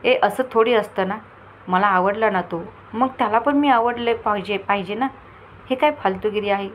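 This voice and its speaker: Rohini is a cheeky, impulsive young woman, wheedling and teasing as she talks, as a woman storyteller gives her a voice. Her pitch sits in the middle. There is a faint bit of noise behind her. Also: moderate pace, natural voice, poor audio. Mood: upset pleading. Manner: lively, pleading, teasing.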